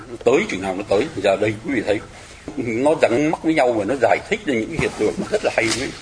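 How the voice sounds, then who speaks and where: Guy giving a dharma talk in a temple, talks real fast, keeps checking everyone gets it. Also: mid-range voice. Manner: explains patiently with everyday examples, often checks listeners follow. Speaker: Buddhist teacher. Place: temple hall.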